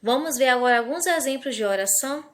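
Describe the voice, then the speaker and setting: A woman teacher from Brazil gives a recorded grammar lesson. Her voice sits a little high, and she explains each point slowly and carefully for her students. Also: expressive.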